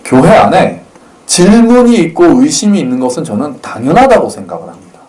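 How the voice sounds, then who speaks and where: Male pastor, chatty sermon delivery, raised pitch with animated swings, acts out quotes. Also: fairly quick. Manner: storytelling, acts out quotes, lightly humorous. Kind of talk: conversational sermon.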